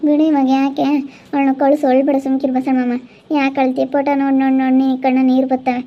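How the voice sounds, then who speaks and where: Woman vlogger, rural Chitradurga Kannada accent, quick, flat delivery, dull lo-fi sound. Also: sits high. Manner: insistent, urging and consoling. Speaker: vlogger host. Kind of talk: casual chat and channel sign-off. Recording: dull lo-fi recording.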